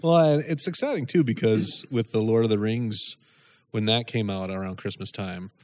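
A man's voice: lowish voice, moderate pace. A man co-hosting a casual podcast, telling stories animatedly and laughing as he goes. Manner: animated storyteller, laughs mid-sentence. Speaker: podcast co-host. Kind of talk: casual chat.

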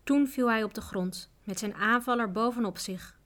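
A woman narrating a children's adventure book aloud in a steady, even reading voice. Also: fairly high pitch, normal speed. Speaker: audiobook reader. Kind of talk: storybook narration.

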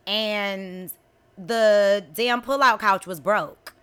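A middle-aged woman telling a story in casual chat, frank and animated, acting out what people said. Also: medium pitch, drawn-out words, clean tone. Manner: animated storyteller, frank and blunt, acts out quotes.

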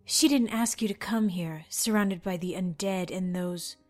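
A man reading a storybook, voicing a calm, scheming ancient sorceress with slow, condescending speech. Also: high voice, soft background music, pitched above the performer's own voice. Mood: mocking.

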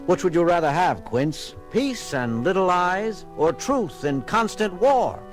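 An actor playing an earnest, wry starship captain in a science fiction audio drama, with deliberate, dramatic phrasing. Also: male voice, high-pitched, sing-song. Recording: dramatic music behind the voice.

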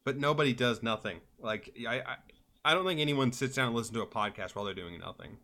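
A man's voice: mid-range voice, expressive, fast talker, pushed and bright. A man in his mid-twenties chatting casually on a podcast, blunt and loose, dropping the odd swear. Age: 20s. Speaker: podcast co-host. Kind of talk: casual chat.

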